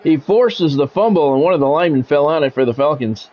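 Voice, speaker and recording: Speaking fast and expressively in a fairly high voice, this American man gives live play-by-play of a football video game. He talks casually with stream viewers in brief, clipped calls like a radio sportscaster. Background music plays under a dull, lo-fi mic.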